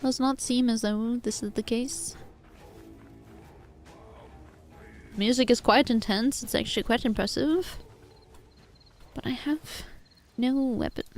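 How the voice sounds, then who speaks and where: A woman with a fairly high voice streams a game at a moderate pace, chatting in a put-on accent that sounds stiff and formal. She greets raiders and her chat with warmth.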